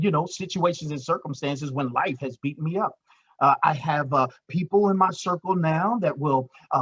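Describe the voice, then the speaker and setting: Husky man giving a motivational talk. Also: on the high side, fairly bright tone, muffled recording. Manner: emphatic and repetitive, with frequent fillers. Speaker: motivational speaker.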